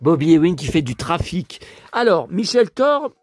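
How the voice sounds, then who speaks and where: A hoarse, middle-aged YouTuber with a fairly high voice rambles through a casual vlog chat, jumping between thoughts, repeating words, stammering, and breaking into emotional asides. Very animated at a moderate pace, he sounds dry and close, as if speaking into a phone with no room sound.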